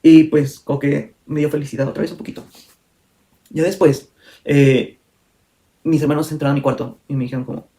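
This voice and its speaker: A young man recounts a personal story to his viewers. He rushes through it at a quick clip, candid and a little rambling, correcting himself as he goes. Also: fairly high pitch, flat delivery, dark tone. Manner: fast, candid, full of fillers and self-corrections. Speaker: vlogger.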